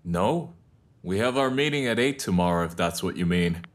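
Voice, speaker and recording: A man voicing a curt, offhand male underling in an audio drama, speaking flatly. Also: low-pitched, moderate pace, slight background noise.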